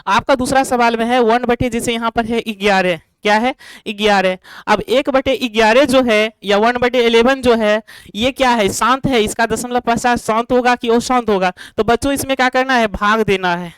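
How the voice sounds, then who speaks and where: Smooth-voiced teacher, asking and answering. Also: female voice, on the high side, dry recording, poor audio. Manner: poses rhetorical questions and answers them, checking in with students; drawn-out, repetitive explanation. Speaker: math teacher. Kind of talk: online classroom lesson.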